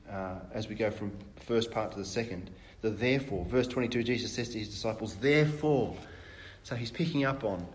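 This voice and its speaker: A man preaching a sermon in a conversational way, asking rhetorical questions and pausing with fillers and restarts. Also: fairly low pitch, a little hiss or hum.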